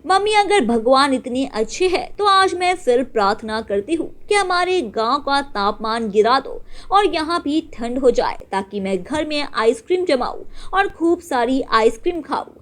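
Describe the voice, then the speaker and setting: A woman's voice: high-pitched, lively intonation, moderate pace, few pauses, a bit bright. A woman voicing a cheerful little girl who talks in eager, breathless exclamations. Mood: hopeful. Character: cheerful little girl, excited about ice cream.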